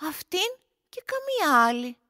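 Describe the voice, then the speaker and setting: A woman's voice: very high voice, very animated, pushed and bright, no echo, clean studio sound, pitched above the performer's own voice, full character voice. A woman voicing a poor, lovestruck young man in a storybook tale, speaking earnestly and eagerly.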